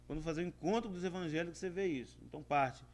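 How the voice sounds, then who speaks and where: A man with a Brazilian Portuguese accent preaching a sermon, calling his listeners "amados" and swinging widely between loud and soft. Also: very fast. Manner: addresses listeners as "amados", animated with big swings of pitch and volume.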